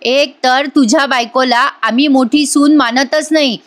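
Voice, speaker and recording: A woman's voice: sits high, steady tone, measured pace. A woman voicing a stern elderly grandmother who scolds the household in a commanding tone.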